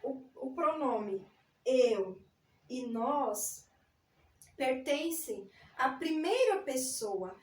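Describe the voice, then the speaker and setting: A woman's voice: sits high, lively intonation, very slow, a little mellow, recorded from a distance. A woman teaching a recorded grammar lesson, patiently explaining step by step and spelling words out. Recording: echoey room, voice a bit off-mic.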